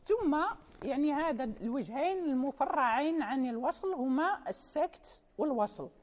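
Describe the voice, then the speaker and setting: A woman's voice: sits high, animated, normal speed, a little mellow, long reverb tail. A woman teaching Quran recitation in an informal classroom lecture, patiently explaining and quoting verses and poem lines in a chanting lilt.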